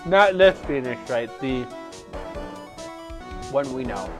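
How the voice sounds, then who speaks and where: A man's voice: mid-range voice, animated, takes it slowly, music in the background. A man streaming a video game, making chatty, amused asides. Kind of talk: let's play commentary.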